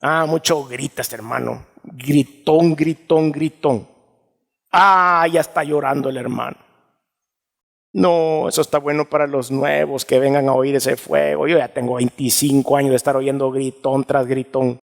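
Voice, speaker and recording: A man's voice: medium pitch, steady tone, unhurried, creaky. A man voicing a jaded longtime churchgoer, dismissive and scoffing, in a sermon. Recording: reverberant church hall.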